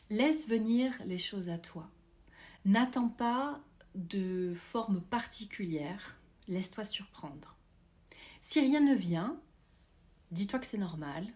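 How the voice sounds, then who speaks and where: A woman leading a guided meditation, speaking gently and soothingly to a single listener in an instructional way. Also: medium pitch. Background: plucked guitar music.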